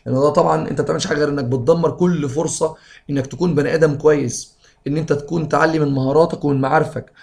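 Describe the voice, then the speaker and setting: A man with an Egyptian Arabic accent, teaching English grammar and reading sentences slowly before explaining them quickly. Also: a little high, steady tone, creaky, a little mellow.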